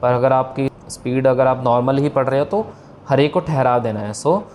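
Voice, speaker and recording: A man giving a patient scripture pronunciation lesson, slowly spelling out sounds and mixing in English words. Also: mid-range voice, darkish tone, a little hiss or hum. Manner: patient, slow demonstrations of pronunciation; mixes English words into explanations. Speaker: Sikh scripture teacher.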